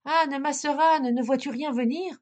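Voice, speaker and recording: A woman voicing a frightened young wife, pleading in high, slow, drawn-out calls in a storybook reading. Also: steady tone, a little mellow, natural voice.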